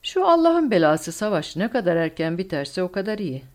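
A woman's voice: fairly low pitch, very animated, brisk, darkish tone. Woman voicing a weary older wartime leader.

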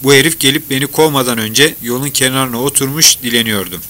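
A man's voice: mid-range voice, fast, sharp tone, a little hiss or hum, natural voice. A man voicing a poor, proud teenage soldier who speaks plaintively and a little boastfully. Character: poor proud young male soldier, sixteen.

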